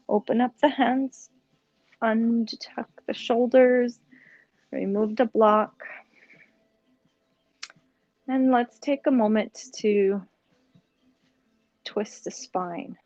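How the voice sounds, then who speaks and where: A young woman guiding a yoga class, giving slow, gentle cues with casual asides. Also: a little high, no room sound, highs cut off. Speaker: yoga instructor. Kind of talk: guided yoga instruction.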